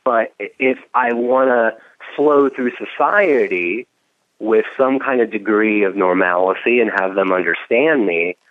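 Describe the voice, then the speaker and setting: On the low side and at a measured pace, this comedian's voice comes through without echo but with a tinny, phone-like quality. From the Midwest outside Chicago, he's a radio talk show guest in casual chat, animatedly storytelling and performing the people he quotes.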